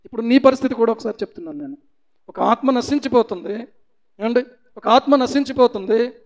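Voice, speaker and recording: A man's voice: sits high, a little mellow. A man preaching a sermon as pastor, impassioned and full of repeated rhetorical questions.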